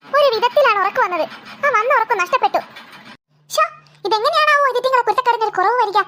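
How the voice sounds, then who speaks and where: A woman's voice: very high voice, quick pace, pushed and bright. A woman voicing a tired, scolding mother of two girls in a cartoon. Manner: nagging, exasperated scolding.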